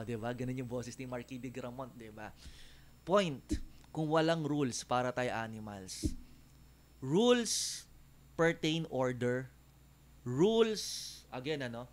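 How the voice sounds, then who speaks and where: A man's voice: mid-range voice, a little hiss or hum. A man holds forth in a casual monologue. He rambles and repeats key phrases, and he keeps turning to the listener for agreement. His tone is that of a former teacher airing his views. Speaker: former teacher giving talks.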